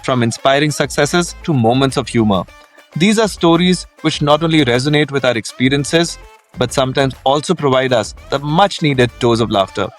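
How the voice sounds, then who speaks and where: A man hosting a podcast, reading a formal scripted introduction and then asking his guest questions in a measured, welcoming way. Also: mid-range voice, faint music behind. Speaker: podcast host.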